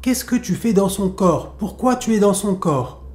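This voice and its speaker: A man's voice: sits high, animated, a little slow, a little mellow, echoey room. A man storyteller voicing a stern imam who firmly questions and threatens a spirit. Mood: questioning. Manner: firm, commanding, threatening. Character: stern male imam performing an exorcism.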